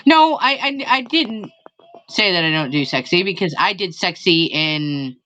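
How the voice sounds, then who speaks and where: A woman's voice: fairly low pitch, lively intonation, a little slow, sharp tone, highs cut off. A woman co-host teasing her partner in casual banter. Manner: teasing, drawling. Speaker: podcast co-host.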